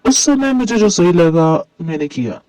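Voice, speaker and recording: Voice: medium pitch, expressive, a little slow, mellow, no room sound, far from the mic, lightly acted. Someone voicing a cheeky young husband. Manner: playful, cheeky. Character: teasing young husband, man. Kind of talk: amateur fan dub drama.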